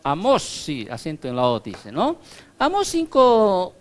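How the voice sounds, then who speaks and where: A man's voice: high-pitched, huge pitch swings, measured pace. A male pastor teaching a Bible study in a conversational way, often checking that his listeners follow, and reading scripture aloud with emphasis.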